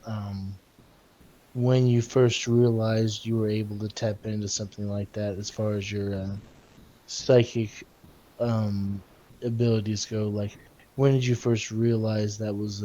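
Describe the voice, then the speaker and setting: A young man co-hosting a podcast, asking a halting question with fillers, on dull lo-fi audio. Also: fairly low pitch, steady tone, warm tone. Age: young adult. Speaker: podcast co-host.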